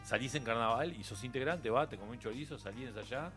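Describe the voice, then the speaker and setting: A middle-aged Uruguayan man speaks as a radio guest, with a bright, forceful tone at an ordinary pitch. He tells his stories in an animated way and laughs often. Soft music plays faintly underneath. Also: fast talker. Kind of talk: casual radio chat.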